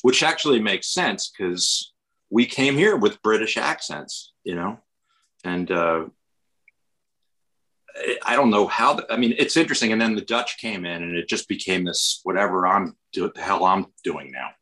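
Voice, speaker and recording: American guy rambling on in a casual chat, bright voice, lots of restarts. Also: on the low side, expressive, normal speed, rough recording. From Westchester, New York, USA. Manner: rambling, many restarts and fillers.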